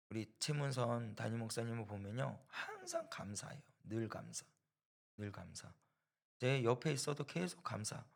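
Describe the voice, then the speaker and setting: A man's voice: medium pitch, vocal fry. A male preacher giving a sermon, telling a personal story with rhetorical questions and repetition for emphasis. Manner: storytelling that acts out quoted voices. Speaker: preacher at a church.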